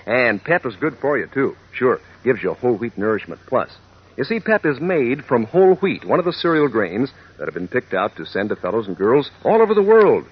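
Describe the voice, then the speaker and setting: A man's voice: medium pitch, sing-song, a little fast, slightly rough. A man reading a scripted commercial as an old-time radio announcer, peppy, folksy and slangy in his salesmanship. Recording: dull, vintage radio recording.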